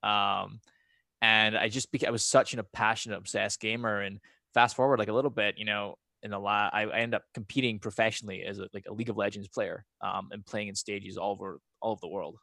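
Rambling through personal anecdotes as a podcast guest, this Scotland-born ex-pro gamer talks casually with a blended Scottish-American accent. His voice is fairly low, steady, creaky, and sharp, he talks fast, and there's no room sound.

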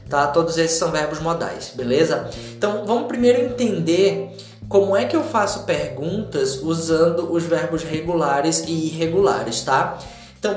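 A man teaching a casual spoken lesson on a podcast, chatty and full of tag questions, slowing right down to model example phrases. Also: a little high. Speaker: English teacher. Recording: roomy echo with faint music.

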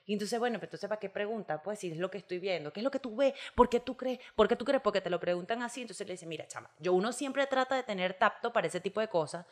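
A woman's voice: medium pitch, rapid-fire, hardly any pauses. A woman with a Venezuelan accent co-hosting a podcast in casual chat, blunt and slangy, acting out little exchanges. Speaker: podcast co-host.

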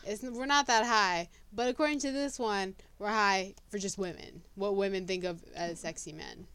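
A young woman with a bright voice trades playful, teasing banter on a casual podcast. She reads out a ranked list in between, and her voice sounds close and dry. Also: mid-range voice, normal speed, smooth, no room sound. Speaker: podcast co-host.

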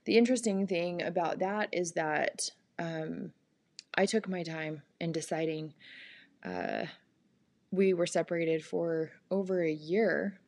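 A woman in her forties hosting a podcast, talking through personal changes in a gentle, thoughtful way with many pauses and fillers. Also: deep voice, no echo. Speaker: podcast host. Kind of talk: reflective personal monologue.

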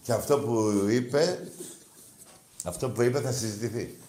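A male call-in show host with a middling voice who talks fans down with crude, taunting banter. He flares into loud, shouted bursts between stretches of gruff muttering. The studio sound is roomy and echoing. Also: mid-range voice. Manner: brash, crude and mocking, with sudden shouting bursts. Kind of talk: rowdy sports call-in banter. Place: radio studio.

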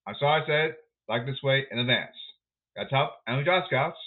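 A man's voice: mid-range voice, a little fast. A man hosting a solo sports podcast rundown, calling out in a repetitive, announcer-like way. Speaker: podcast host. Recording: tinny phone-like sound.

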